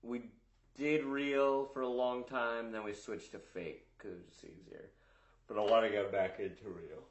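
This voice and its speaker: A man's voice: lowish voice, steady tone, measured pace. A young man co-hosting a podcast, chatting playfully and teasing his co-host. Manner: playful and teasing, jumps between topics. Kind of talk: casual chat. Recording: echoey room.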